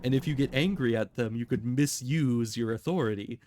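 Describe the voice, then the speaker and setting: Male streamer, mid pitch, rambling live commentary with restarts. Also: fairly quick, a little mellow, a little hiss or hum. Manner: rambling, thinking aloud, many restarts. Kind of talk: casual gameplay commentary.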